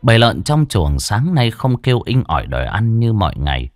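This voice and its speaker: Brief: low-voiced male storyteller, dramatic and lively, dry close mic. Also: moderate pace, no echo, soft background music. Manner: dramatic, expressive, swings between hushed and loud. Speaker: ghost story narrator.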